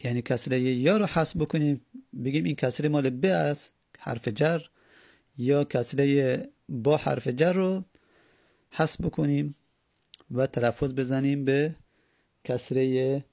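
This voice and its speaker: Gravelly, dark-voiced male grammar teacher. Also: mid-range voice, long pauses, dry recording, studio quality. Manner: patient, repeats and spells out each step. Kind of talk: Arabic grammar lesson in Persian.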